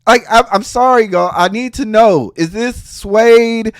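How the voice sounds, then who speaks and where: A man's voice: high-pitched, unhurried, clean tone, dry recording, clean studio sound. A man hosting a podcast, giving heated casual commentary in a profane, mocking way. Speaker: podcast host.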